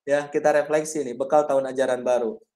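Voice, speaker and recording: A man's voice: medium pitch, a little fast, roomy sound. A man presenting an online teacher-training webinar, talking straight to his listeners and acting out sample teacher lines. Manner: lively, addresses listeners directly, acts out sample teacher lines.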